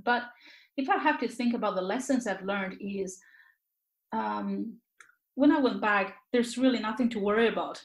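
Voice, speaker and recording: A woman being interviewed speaks in a mid-range voice at normal speed, reflective and candid, frequently repeating words and phrases as she searches for the right ones. The recording sounds roomy and echoey.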